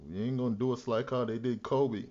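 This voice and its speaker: A man's voice: medium pitch, steady tone, fairly quick, a little mellow. A man working as a stock trader streamer, commenting live in casual, slangy talk full of swearing. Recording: muffled, lo-fi stream audio.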